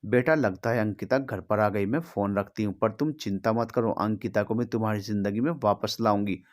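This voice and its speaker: A man with a fairly low voice voicing a stern but loving middle-aged mother in a read-aloud story, speaking earnestly and with some pleading. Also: fairly quick, lightly acted. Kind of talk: storybook reading.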